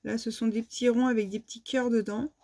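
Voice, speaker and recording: A woman's voice: fairly high pitch, fairly even intonation, brisk, warm tone. A woman from France presenting her shopping haul in a casual, hesitant way, with many fillers and restarts. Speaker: vlogger showing a shopping haul. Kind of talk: casual show-and-tell haul.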